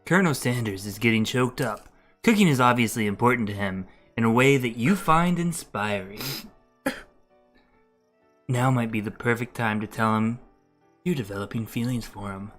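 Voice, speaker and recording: A woman's voice: rumbling low, animated, normal speed, soft background music. A woman streamer reading a game aloud with a friend, chatty and jokey. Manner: chatty, jokey, trails off mid-sentence.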